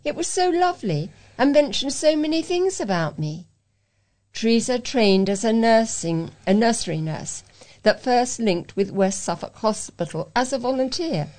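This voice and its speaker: A volunteer reader for a talking newspaper reads local news aloud, carefully but with occasional stumbles over words. Her voice is on the high side and a little mellow.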